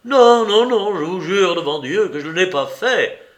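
A man voicing a desperate, cornered male army colonel who pleads his innocence in loud, breaking protests, in a slowly read storybook. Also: a little high. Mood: frantic denial.

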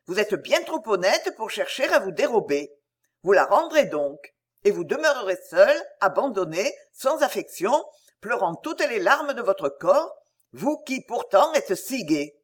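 A gruff old peasant woman, as a woman reader plays her in a storybook reading, grumbling and scolding with pity underneath. Her voice rises and falls with lively emphasis. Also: mid-range voice, unhurried.

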